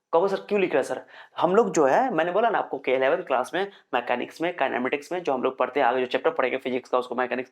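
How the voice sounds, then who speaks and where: A young man teaching physics. He explains step by step, repeats his questions, answers them in his students' voice and reads English definitions out slowly, sounding a little low on energy. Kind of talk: recorded classroom lecture.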